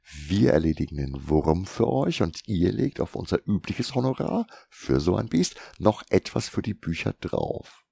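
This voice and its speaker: A man's voice: deep voice, very animated, measured pace, vocal fry, warm tone, breathy edge, no echo, pitched above the performer's own voice, full character voice. A man voicing a stern, businesslike young female mercenary leader who speaks curtly, in an audiobook. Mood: commanding. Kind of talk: audiobook character reading.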